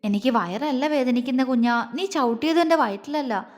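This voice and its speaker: A woman's voice: high-pitched, normal speed, lightly acted. Woman voicing a teasing tender young husband. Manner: soft coaxing, teasing. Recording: long reverb.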